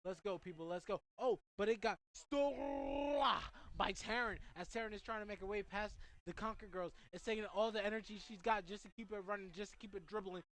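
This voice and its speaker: A teenage high school student doing excitable play-by-play commentary at a soccer game, rambling into asides for his listeners and out of breath. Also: fast, few pauses. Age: teens.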